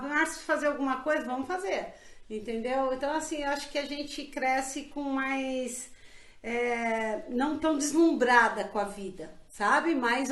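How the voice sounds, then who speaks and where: A middle-aged woman from Brazil with a high voice answers interview questions earnestly and reflectively. She often restarts her sentences and leans on fillers. The recording carries a noticeable room echo. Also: fairly bright tone. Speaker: interviewee, council pre-candidate. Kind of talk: casual interview. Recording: echoey room.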